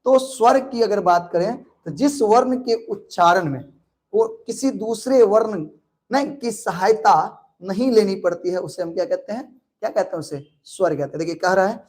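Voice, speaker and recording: Lively high-voiced male Maithili teacher. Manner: drills students with quick questions and answers; lively, calls students pet names. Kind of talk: online exam-prep grammar lesson.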